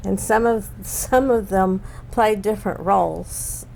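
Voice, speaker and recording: A middle-aged woman co-hosts a casual chat about a play. Her voice has a gravelly fry, and she laughs easily and trips over hard names as she reads. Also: medium pitch, unhurried, slight background noise. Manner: giggly, warm, stumbles over names. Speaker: theater review co-host.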